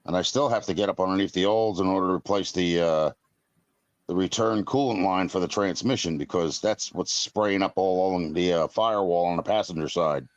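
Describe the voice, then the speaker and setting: Low-voiced blunt man in his fifties. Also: brisk, no room sound, muffled recording. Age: 50s. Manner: rambling, blunt, peppered with mild cursing. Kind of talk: casual live-stream chat.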